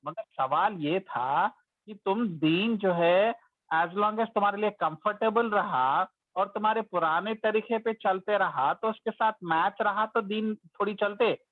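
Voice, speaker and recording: A man with a fairly high voice teaches religion as casual conversation. He tells the story as he goes and now and then acts out the complaints of the people in it. The sound is dry and tinny, like a phone call. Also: a little slow, dry recording. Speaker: Islamic teacher.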